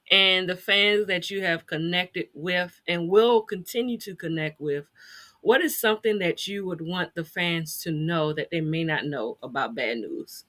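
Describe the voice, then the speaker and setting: Bright-voiced woman interviewer, fairly low pitch. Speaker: interview host. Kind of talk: conversational interviewing.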